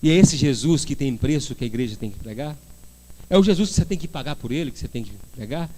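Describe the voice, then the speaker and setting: A man's voice: medium pitch, animated, fast talker, dark tone. A male pastor preaching a sermon, firing rhetorical questions and rising into fervent bursts.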